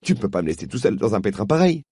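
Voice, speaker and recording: A man's voice: fairly low pitch, very animated, very fast, dark tone, breathy edge, no echo, studio quality. A man voicing an anxious young boy who pleads and defends himself. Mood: pleading. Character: anxious young boy, worried for his mother.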